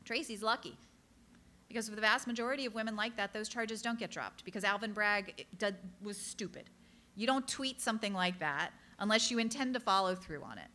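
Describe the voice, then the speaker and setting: A woman gives a public author talk with a bright, forceful voice. She tells each case plainly and earnestly, and now and then she breaks off for a quick apology before going on. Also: medium pitch. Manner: earnest, direct storytelling with quick apologetic asides. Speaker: author giving a book talk. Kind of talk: public talk to a live audience.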